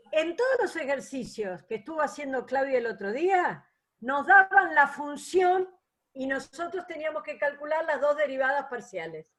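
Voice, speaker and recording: A woman's voice: sits high, fairly bright tone. A woman teaching a math class online, patient and explanatory, often checking that students follow.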